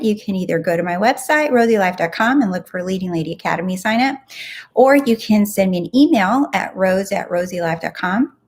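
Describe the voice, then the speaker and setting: Upbeat, emphatic woman coaching live. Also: medium pitch. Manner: emphatic, upbeat coaching talk with blunt asides. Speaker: manifestation coach and show host. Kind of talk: casual live-stream Q&A.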